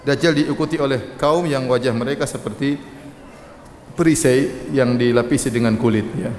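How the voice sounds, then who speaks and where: A male Islamic preacher with an Indonesian accent giving a religious lecture, slowly reciting Arabic hadith, then explaining them with rising emphasis and frequent checking fillers. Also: mid-range voice, darkish tone, a little hiss or hum. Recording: echoey hall with faint ambience.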